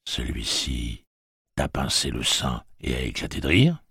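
A stern male gunslinger mentor from a spoken storybook, read by a man. His speech is blunt and flat, with very little warmth. His voice is extremely deep, raspy and dry. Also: unhurried, no room sound, heavily acted. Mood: cold.

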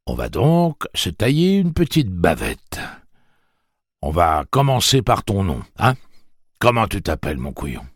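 A man's voice: rumbling low, big pitch swings, takes it slowly, vocal fry, pauses often, fairly bright tone, breathy edge, no echo, clean studio sound, full character voice. A man reading an audiobook, voicing a sadistic male gang boss who sneers and makes mocking threats. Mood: sneering. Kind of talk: audiobook character voice.

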